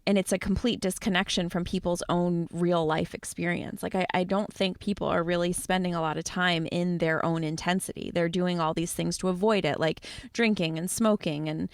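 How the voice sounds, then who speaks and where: A woman's voice: lowish voice, steady tone, normal speed, few pauses, no echo, studio quality. A woman co-hosting a podcast, speaking frankly in casual chat with lots of fillers like "like". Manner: frank, frequent verbal fillers and agreeing interjections. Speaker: podcast co-host.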